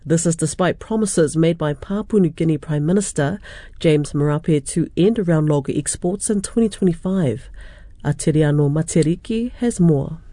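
News anchor, dark mellow voice, dry studio sound, crisp headline read. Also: medium pitch, normal speed, no room sound. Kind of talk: scripted news reading.

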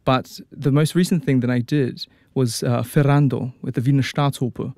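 A man talks easily as an interview guest, his voice mellow and warm. He circles back with fillers and restarts, and the sound is dry and close. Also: mid-range voice, steady tone, moderate pace, dry recording. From New Zealand. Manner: chatty, frequent fillers and restarts. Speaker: opera tenor guest. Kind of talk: casual radio interview.

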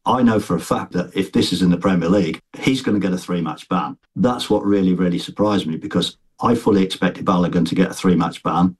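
A man's voice: low voice, fairly quick, few pauses, husky. A man giving spoken interview commentary as an experienced football referee.

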